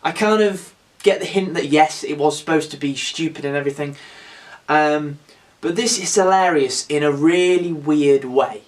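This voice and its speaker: A man casually reviewing a film on his channel, excitable and rambling, with some swearing. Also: fairly high pitch, moderate pace.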